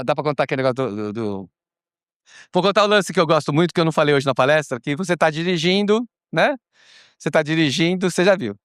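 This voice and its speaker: Brazilian man, conference panelist, fairly high voice, swings all over in pitch, expressive storytelling. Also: clear, resonant tone, no echo, studio quality. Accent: Brazilian Portuguese. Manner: expressive, acts out little dialogues, casual swearing. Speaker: panelist speaker. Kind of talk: animated panel talk. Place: conference stage.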